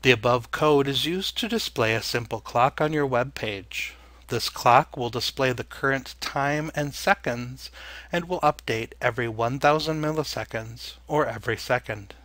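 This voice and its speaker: A man narrating a scripted tutorial as an instructor, dictating in separated, deliberate phrases. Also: medium pitch, fairly bright tone, dry recording.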